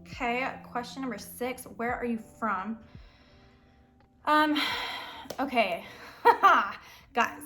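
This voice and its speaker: A woman's voice: on the high side, slow pace, pauses often, bright, forceful tone, faint music behind. A young American woman, a worship pastor and singer, answering questions in a casual vlog with a rambling, chatty manner full of "like" and "um.". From United States.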